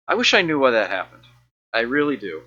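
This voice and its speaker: A man's voice: mid-range voice, very animated, brisk, sharp tone, dull audio. A man streaming a retro arcade game, giving casual, rambling commentary with wry, self-deprecating asides. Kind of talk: casual live gameplay commentary.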